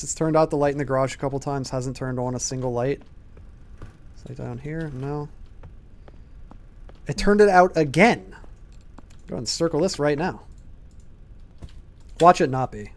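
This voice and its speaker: A young man live-streams a horror game and talks loosely to his viewers as he plays. His voice sits a little high for a man, and his talk is casual and chatty, broken up by laughs and quick replies to chat. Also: a little mellow. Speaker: gaming streamer. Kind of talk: live-streamed gameplay commentary.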